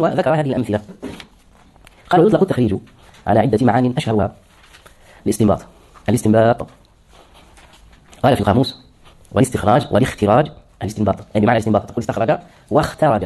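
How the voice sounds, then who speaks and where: A male lecturer talks through definitions at a rapid clip. His voice is dark and mellow. He keeps asking rhetorical questions and answering them himself. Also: medium pitch, animated, husky. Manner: explains terms, asks and answers his own questions. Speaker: lecturer in hadith sciences. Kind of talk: classroom lecture.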